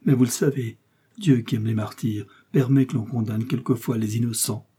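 A man's voice: medium pitch, steady tone, moderate pace, mellow, husky. A man reading aloud and voicing a scheming young woman prisoner who pleads with feigned, tearful piety. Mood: tearful pleading. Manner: pleading, tearful, falsely sweet.

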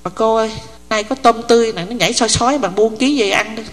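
A woman's voice: a little high, quick pace, faint music behind, lightly acted. An older woman playing a pushy country market seller, calling out to passing shoppers in an everyday coaxing voice. A long hall reverb trails her words.

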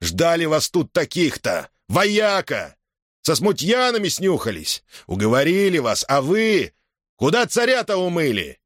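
A man voicing a drunk, bald older Cossack who scolds and shouts at his guests. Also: mid-range voice, big pitch swings, a little slow, dry recording, studio quality, pitched above the performer's own voice. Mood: shouting.

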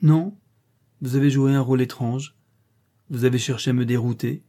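A man's voice: medium pitch, fairly even intonation, normal speed, warm tone, natural voice. A man reading the part of an earnest, guarded young governess in an audiobook, raising his voice a little for her.

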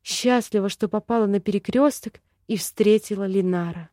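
A woman's voice: mid-range voice, moderate pace, dark tone, dry recording, studio quality. A woman narrating a first-person novel in an emotive storytelling manner. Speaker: audiobook narrator.

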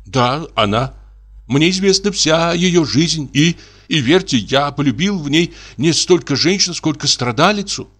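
A man's voice: on the high side, animated, measured pace, fairly bright tone, voice pushed up. A man voicing a poor young technician who mumbles and stammers hesitantly. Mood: earnest reproach. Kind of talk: audiobook character reading.

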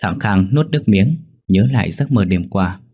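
Deep husky male storyteller. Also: lively intonation, normal speed, mellow. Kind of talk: scripted horror story narration.

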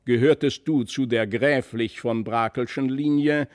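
A man's voice: mid-range voice, steady tone, a little slow, no room sound, studio quality, natural voice. A man voicing a genial, proud noble uncle, a count and minister, speaking fondly and with dignity in a storybook reading. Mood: fond, dignified.

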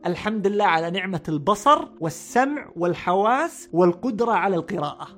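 A man with a Saudi accent summarizing a book in a lively, emphatic way, talking straight to the listener as a friend. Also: high voice, fast talker, over music. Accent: Saudi Arabic. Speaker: book explainer. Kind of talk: animated book summary talk.

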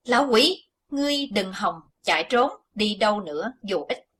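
A defiant young hero of the martial world calls out and taunts his old enemy in a storybook tale, as a woman reads him out. His voice sits at a middling pitch, commanding and sure of itself. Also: lively intonation, normal speed, sharp tone, slightly rough, exaggerated voice. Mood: taunting.

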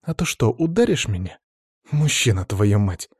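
A male reader voicing a sharp-tongued, fiery young woman in an audiobook, speaking sarcastically and scolding. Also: on the low side, big pitch swings, normal speed, breathy edge, dry recording, studio quality. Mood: defiant.

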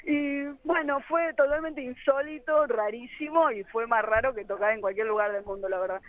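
A woman's voice: a little high, moderate pace. A woman with a Rioplatense Argentine accent, a guest musician telling a rambling story over the phone with lots of filler phrases. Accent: Rioplatense Argentine Spanish. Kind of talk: anecdotal phone interview. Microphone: telephone line. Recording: dull lo-fi phone line.

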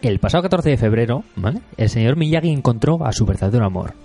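A man's voice: mid-range voice, animated, fast talker, dark tone, soft background music. Joking man hosting a podcast. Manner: jokey, runs news segments. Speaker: podcast co-host. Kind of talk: casual chat.

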